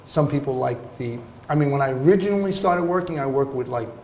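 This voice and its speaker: A man, an actor giving a master class, telling anecdotes in an animated, laughing way with many fillers. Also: medium pitch, fairly quick, a little hiss or hum. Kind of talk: anecdotal storytelling interview. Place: festival venue hall. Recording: roomy hall, faint ambience.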